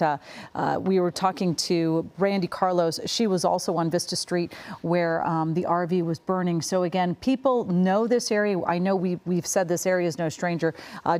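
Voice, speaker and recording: A woman's voice: lowish voice, a little mellow. Conversational female news anchor. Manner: conversational, sympathetic, frequent fillers. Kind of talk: live breaking news anchoring.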